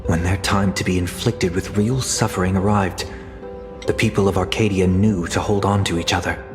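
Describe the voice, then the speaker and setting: Actor as a low, solemn gentleman leader. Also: steady tone, music in the background, natural voice. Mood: reflective. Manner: measured, solemn, formal. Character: composed, philosophical gentleman leader. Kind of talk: video game character acting.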